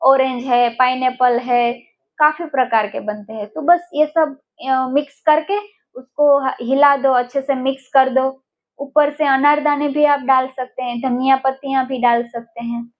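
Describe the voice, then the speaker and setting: A high-pitched woman talks through recipes at a slow, unhurried pace, pausing often with fillers. The audio is dull and lo-fi. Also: fairly even intonation. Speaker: cooking presenter. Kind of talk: relaxed spoken recipe demonstration.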